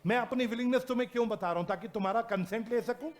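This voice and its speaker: A male teacher giving a lively classroom lecture, mixing Hindi and English, asking his students constant questions and reading legal definitions out slowly. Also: very high voice.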